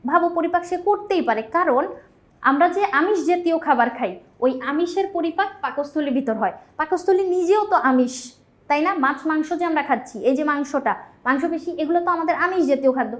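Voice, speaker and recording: A woman's voice: high voice, animated, fast. A young woman with a Bangladeshi Bengali accent teaching a biology exam lesson, explaining step by step and answering her own questions.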